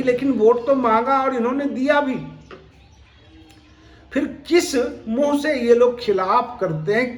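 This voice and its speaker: A man's voice: high-pitched, echoey room. A man giving a political commentary monologue, arguing his points and firing off rhetorical questions.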